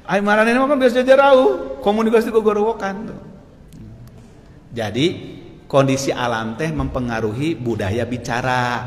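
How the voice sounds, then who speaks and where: A man with a Sundanese accent preaching a sermon, telling stories with lively energy, laughing often and shouting out the lines he quotes. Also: fairly high pitch, moderate pace. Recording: echoey hall with faint noise.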